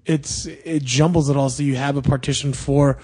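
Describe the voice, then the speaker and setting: A man on a podcast explaining things at length in casual chat, often trailing off softly. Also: mid-range voice, steady tone, normal speed, slightly rough. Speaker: podcast co-host.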